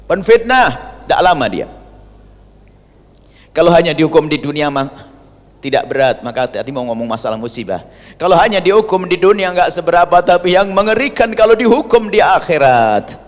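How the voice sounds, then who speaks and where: A male preacher delivers a sermon in a rather high voice, lively and emphatic. He swings between loud, stressed phrases and hushed remarks. The recording has a long, hall-like reverb. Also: normal speed. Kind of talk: religious sermon.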